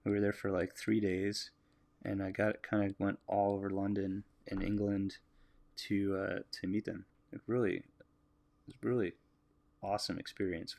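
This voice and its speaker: Gravelly-voiced American man chatting while drawing. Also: on the low side. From United States. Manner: relaxed, musing aloud, chatting with viewers. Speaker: artist livestreaming a drawing. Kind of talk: casual livestream commentary while drawing.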